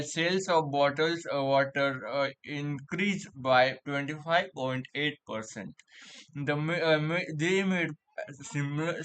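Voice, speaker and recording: A man reading aloud haltingly with a pen held in his mouth, so his words are muffled and he often stumbles and repeats them. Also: fairly high pitch, fairly bright tone, clear, resonant tone. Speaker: vlogger reading a book aloud for vocal practice.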